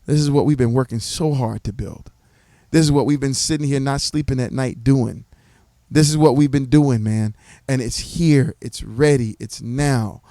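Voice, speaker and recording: A man speaking like a preacher to a livestream audience. He drives his points home by repeating them, with a middle-pitched voice. The sound is close and dry, with no room echo. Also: normal speed, dark tone. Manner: preacherly, repeats phrases for emphasis. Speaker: community organizer presenting his platform.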